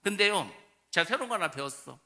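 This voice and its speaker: A man preaching a sermon as pastor, in a conversational style that swings between loud emphasis and soft asides. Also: sits high, expressive, quick pace. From South Korea.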